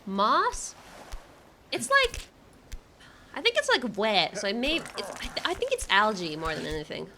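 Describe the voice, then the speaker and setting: A woman doing casual live game commentary for her stream chat, excitable and nervous, with giggles and exclamations. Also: on the high side, a little hiss or hum.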